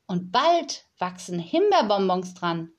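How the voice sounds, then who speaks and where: A woman's voice: medium pitch, big pitch swings, takes it slowly, background noise. A woman voicing a small girl of about four in a storybook reading, childlike and eager. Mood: proud. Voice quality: bright, childlike.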